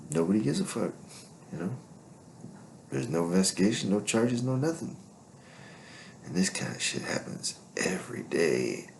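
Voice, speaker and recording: A man's voice: deep voice, creaky, a little hiss or hum. A man telling stories in a casual monologue, swaggering and profane, rambling with constant fillers.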